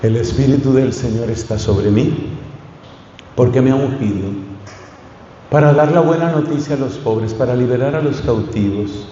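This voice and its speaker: A man, a priest preaching a fervent sermon that rises to loud calls and leads the crowd in repeated chants. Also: mid-range voice, normal speed, a little hiss or hum. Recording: echoey hall, dull sound.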